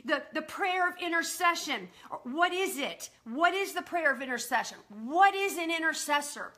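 A woman preacher teaching on prayer in a live-streamed sermon, talking fast and earnestly and quoting scripture. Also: extremely high pitch, animated, pushed and bright.

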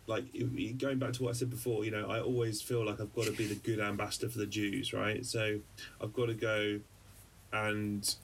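Gravelly man, hesitant storyteller. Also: lowish voice, distant mic, a little hiss or hum. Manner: rambling, hesitant, many fillers and restarts. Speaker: podcast co-host; journalist. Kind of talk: casual conversational storytelling.

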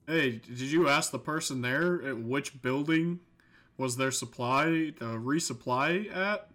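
A man's voice: medium pitch, takes it slowly, sharp tone. A man playing a tabletop game, laid-back and jokey. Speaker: player. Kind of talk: casual tabletop game chat.

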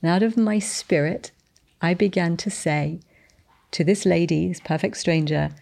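A woman earnestly telling a testimony of a spiritual encounter, with restarts and slowed, emphatic phrases. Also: on the low side, creaky, a little mellow. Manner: descendant of the Boleyn family telling a spiritual encounter. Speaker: guest sharing a testimony. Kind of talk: storytelling testimony.

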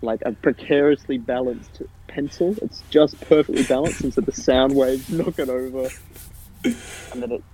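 A young Australian man co-hosting a comedy podcast, riffing absurd ideas in a rambling, deadpan way. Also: mid-range voice, normal speed, slight background noise, low-quality recording. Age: young adult. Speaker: podcast co-host. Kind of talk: casual comedy chat.

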